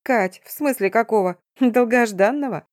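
A woman reading an audiobook voices a cheerful, loud young female friend calling on the phone, exclaiming brightly. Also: mid-range voice, expressive, unhurried, dry recording, studio quality, lightly acted. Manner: bubbly, exclaiming.

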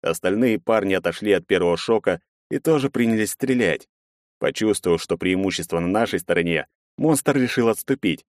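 Dramatic low-voiced male narrator. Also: fairly quick, dry recording, clean studio sound. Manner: dramatic, lively reading. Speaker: audiobook narrator. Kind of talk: first-person audiobook narration.

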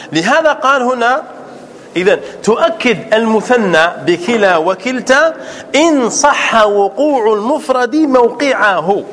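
A man's voice: extremely high pitch, a bit bright. A male scholar teaching a classroom grammar lesson, repeating example sentences and quizzing his listeners as he explains.

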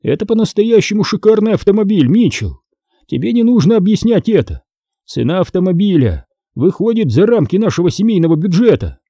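A man's voice: sits high, sing-song, fairly quick, mellow, breathy edge, dry recording, studio quality, pitched above the performer's own voice, full character voice. A man doing a cautious thrifty dad. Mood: firm. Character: cautious thrifty father weighing a purchase.

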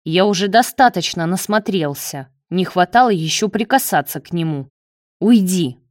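A woman's voice: lowish voice, expressive, moderate pace, no room sound, clean studio sound, lightly acted. A woman reading the part of a coarse, mocking young man who snaps, swears and sneers. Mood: angry. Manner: rough, snapping, sarcastic.

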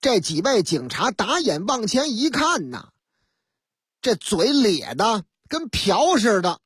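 A woman's voice: medium pitch, sing-song, slow, slightly rough, dry recording. A woman radio host, telling a news story in a comic storytelling manner with set phrases and asides, on a studio microphone.

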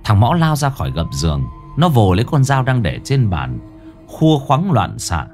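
A male storyteller narrating a ghost story with suspense. His pitch rises and falls very widely. Soft music with a singing bowl plays faintly behind him. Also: huge pitch swings, normal speed.

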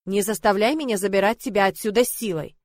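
A woman reading a storybook voices an angry, stern male lord who shouts commands at his daughter and her nanny. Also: mid-range voice, fast talker, dry recording, natural voice. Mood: angry commanding.

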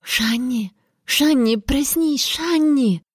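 A woman's voice: mid-range voice, normal speed, mellow, no room sound, studio quality, lightly acted. A woman voicing a young noble girl who pleads and whines to her older sister. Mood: urgent. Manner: whiny, pleading.

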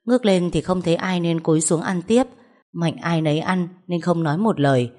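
Low-voiced woman narrating a story. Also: brisk, warm tone. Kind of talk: first-person audio story narration.

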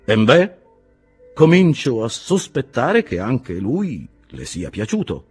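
A man's voice: mid-range voice, wildly swooping pitch, slow, darkish tone, breathy edge, faint music behind, pitched above the performer's own voice, exaggerated voice. A man voicing an eloquent, sarcastic Italian humanist who speaks in a declamatory, mocking way. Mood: mocking grandiloquence.

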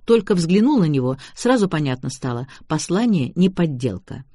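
A man's voice: fairly high pitch, sing-song, normal speed, dark tone, no room sound, studio quality. A man as a tense sarcastic investigator. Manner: terse, sarcastic. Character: tense sardonic male police investigator. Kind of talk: audiobook reading.

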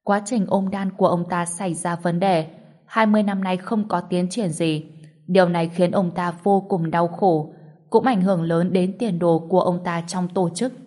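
A woman narrating a martial arts novel as an audiobook in a steady, even reading. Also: lowish voice, moderate pace.

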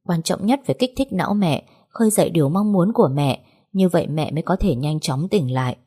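A woman narrating a first-person audiobook story in a slow, mournful way. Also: on the low side, expressive, mellow, husky.

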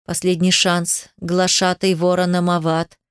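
Foreign male envoy, grave and insistent, slow measured speech, broken grammar, woman reader. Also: lowish voice, monotone, clear, resonant tone, dry recording, clean studio sound, natural voice.

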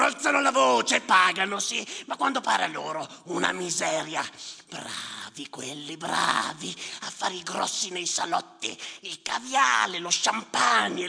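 A harsh, forceful rasp fills a very reverberant hall as a male actor, high-pitched and heavily acted, portrays a sardonic petty clerk bitterly tallying the drowned. It's a theatrical monologue with live music underneath. Resentful and agitated, his gravelly voice mutters, declaims, and fixates on repeated words.

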